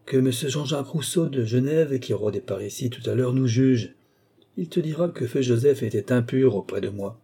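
A man's voice: medium pitch, animated, normal speed, mellow, slightly rough. A man voicing an aged, mannered court duke who mocks and lectures in an affected, theatrical way. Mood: sly mocking.

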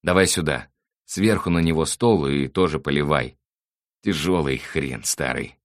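A man's voice: rumbling low, a little slow, no room sound, clean studio sound. A man reading an audiobook, voicing a coarse, bossy male thug who swears and barks orders. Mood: gloating.

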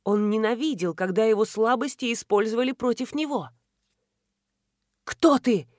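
Woman narrator, fairly high voice, dramatic audiobook read, dry close mic. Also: brisk, no room sound. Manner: expressive, dramatic reading. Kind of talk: scripted narration.

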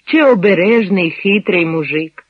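A man voicing a gruff, mocking wartime army sergeant in a read-aloud story, with curt, teasing remarks. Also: sits high, lively intonation, measured pace, no room sound, phone-quality sound.

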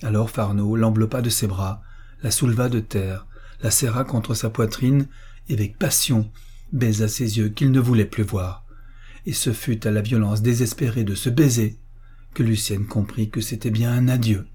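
A man narrating a classic novel as an audiobook, measured and literary. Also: on the low side, fairly even intonation, warm tone, slightly rough.

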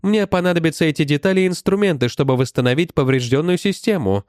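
A man voicing an old, rusty male robot that was just brought back to life, speaking in a steady, explaining way. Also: a little high, fast talker, no room sound, clean studio sound, lightly acted. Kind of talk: audiobook narration.

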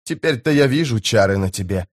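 A man's voice: medium pitch, expressive, lightly acted. A man voicing a sly, scheming male priest who draws out his words and hisses accusations, in an audiobook. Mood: accusing. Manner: hissing, drawn-out accusations.

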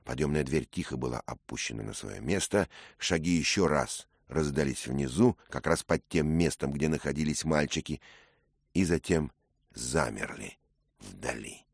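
A man narrating a story in a measured, dramatic way. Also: rumbling low, creaky, slightly rough, dry recording, clean studio sound. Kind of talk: scripted narration.

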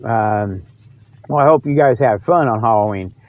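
With a lowish voice, lively intonation and a moderate pace, an older American man hosts a rambling solo podcast chat. He keeps it folksy and jokey, chuckling often, and the dull lo-fi recording has no echo.

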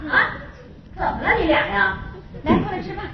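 A woman's voice: very high voice, big pitch swings, moderate pace, highs cut off, a crowd in the background. A woman playing a bustling, hospitable wife who keeps the peace in a stage comedy sketch. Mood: coaxing. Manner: bustling, coaxing.

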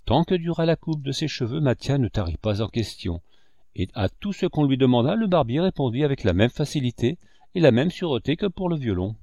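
A man reading a classic novel aloud as audiobook narration, in an expressive, measured storytelling manner. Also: medium pitch, no echo, highs cut off. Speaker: audiobook reader.

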